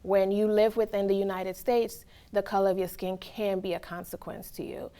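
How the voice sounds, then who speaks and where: A woman's voice: mid-range voice, little pitch movement, moderate pace, warm tone. A woman from Trinidad and Tobago giving reflective, earnest answers in a casual interview, often checking in with "right?". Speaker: interviewee, college staff.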